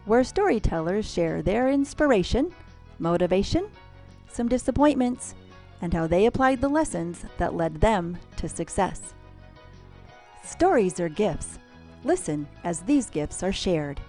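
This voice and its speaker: A woman announcing the show's opening in a slow, expressive way. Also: medium pitch. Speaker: show announcer. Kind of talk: scripted show intro. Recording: music behind the voice.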